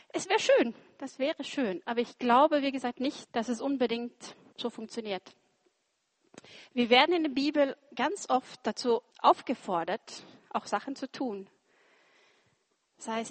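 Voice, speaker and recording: A woman giving an informal sermon to her congregation in a conversational way, often adding tag questions and acting out quoted speech with lively shifts, then reading scripture aloud. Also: on the high side, no echo. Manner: reads scripture aloud to the audience. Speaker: preacher.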